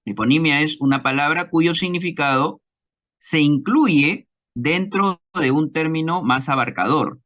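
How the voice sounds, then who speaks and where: Slow-talking male teacher with Peruvian accent. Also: a little high, a bit bright. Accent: Peruvian Spanish. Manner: checks understanding with frequent tag questions; slow and deliberate, repeating key examples. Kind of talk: recorded class lecture. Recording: dull lo-fi class recording.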